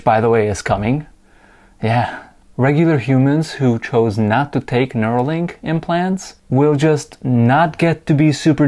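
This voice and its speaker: Man, opinion rant, heavy swearing, sarcastic, mid-pitched voice. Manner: profane, emphatic, sarcastic, swings between loud outbursts and muttered asides. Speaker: video essayist.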